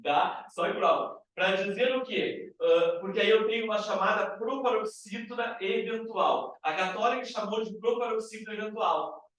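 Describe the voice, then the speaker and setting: High-voiced man teaching in an echoey room. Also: moderate pace, distant mic. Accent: Brazilian Portuguese. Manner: lively, checks in with frequent rhetorical questions. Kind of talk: classroom grammar lesson. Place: classroom.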